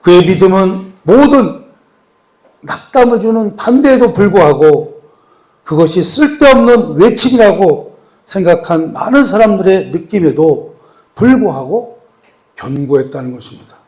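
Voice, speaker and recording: A male pastor with a notably high voice delivers a sermon. He asks his listeners questions and repeats key words for weight. He rises to emphatic lines, then drops to a soft, pleading hush. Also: lively intonation, a little slow. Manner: addresses the congregation with rhetorical questions and repetition; swings between raised emphatic lines and soft, hushed pleading.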